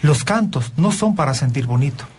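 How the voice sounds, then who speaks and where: A man with a Mexican Spanish accent, a priest hosting a radio talk show, speaking in an earnest, preachy, animated way. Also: medium pitch, normal speed, husky.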